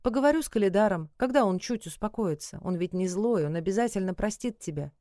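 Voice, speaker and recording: A kind, motherly goddess of the dawn comforts in a gentle, melodious voice, as a woman reading the story puts her on. The sound is warm and mellow, recorded dry and close. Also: mid-range voice, expressive, quick pace, no echo, close to an everyday voice. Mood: soothing.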